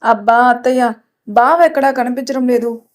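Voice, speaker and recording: Woman voicing spoiled young woman, whiny, pleading, high voice, storybook. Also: moderate pace, natural voice. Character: lively young woman, spoiled and clingy niece.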